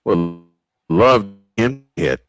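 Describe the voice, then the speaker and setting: An older man, a fan broadcaster, gives old-school baseball play-by-play, calling pitches and counts and getting worked up on close plays. He speaks slowly, with music playing in the background.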